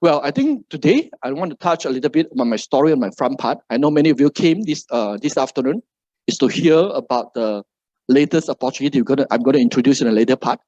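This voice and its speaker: A middle-aged Malaysian motivational speaker with a Malaysian English accent gives a seminar talk to a live audience, ending almost every phrase with "right?". His medium-pitched voice is expressive, fast and warm. The recording is dry and lo-fi.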